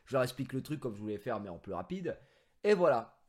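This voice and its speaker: A man telling a story in a casual vlog, rambling with fillers, using crude slang and breaking into mock-indignant shouting. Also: mid-range voice, big pitch swings, quick pace. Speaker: streamer.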